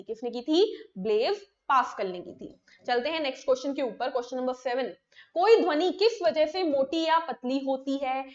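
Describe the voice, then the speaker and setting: A woman's voice: high voice, lo-fi sound. A woman science teacher giving an exam-prep lesson, who asks questions and answers them herself and keeps checking that her students follow. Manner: explains by asking and answering her own questions, with frequent tag checks.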